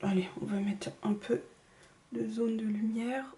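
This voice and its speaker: A woman talking casually through a makeup tutorial, chatty and self-deprecating, often dropping into soft, hushed asides. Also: a little high, flat delivery, unhurried. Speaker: beauty vlogger.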